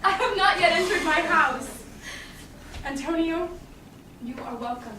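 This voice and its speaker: Projecting from a small theatre stage with an audience, a young woman voices a witty, self-possessed noble lady in a staged Shakespeare reading, poised and knowing. Her pitch is extremely high, her delivery animated at a measured pace. The recording, from a far camera in the audience, is roomy, distant and noisy.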